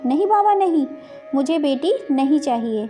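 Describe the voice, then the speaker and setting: Woman reading a stubborn angry husband, high mellow voice, blunt. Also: expressive, moderate pace, soft background music. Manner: stubborn, shouting. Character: stubborn angry husband, middle-aged man.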